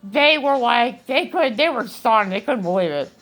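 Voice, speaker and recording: A woman vlogging from her home tells a rambling personal story at normal speed, with lively intonation and a fairly bright tone. She restarts often, repeats words, and acts out quotes in a higher voice. The recording is rough.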